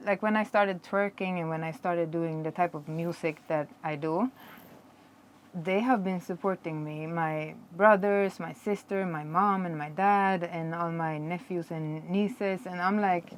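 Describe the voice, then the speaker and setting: Swedish-accented woman musician, low-pitched, chatty interview answers, faint background hiss. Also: measured pace. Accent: Swedish with Jamaican patois touches. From Sweden. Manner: chatty, laughs easily, animated storytelling. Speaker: dancehall artist.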